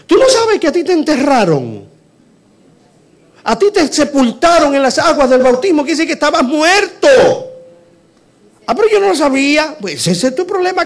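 A man preaching a sermon, asking rhetorical questions and swinging between loud emphasis and hushed lines. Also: very high-pitched.

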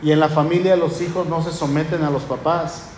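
A man with a northern Mexican accent preaches from the pulpit, his voice sitting notably high for a man. He presses his points with rhetorical questions and piled-up lists. The sound carries the echo of a church room over a faint hum of ambience. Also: fairly even intonation, fairly quick, darkish tone. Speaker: pastor. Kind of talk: sermon.

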